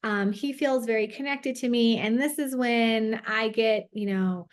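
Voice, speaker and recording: A woman's voice: fairly high pitch, a little slow. A woman in her thirties giving a conversational parent workshop, with many filler sounds as she explains.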